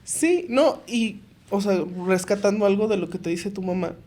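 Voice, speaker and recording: A young adult woman with a Mexican accent, co-hosting a podcast and giving calm, practical advice in casual chat. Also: medium pitch, moderate pace. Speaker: podcast co-host.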